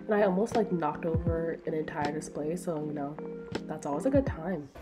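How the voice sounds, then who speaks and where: A woman's voice: low voice, animated, moderate pace. A young woman from Florida with a stuffy nose, narrating a home video in a chatty, self-mocking voice-over full of fillers. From Florida, USA. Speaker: lifestyle vlogger. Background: loud background music.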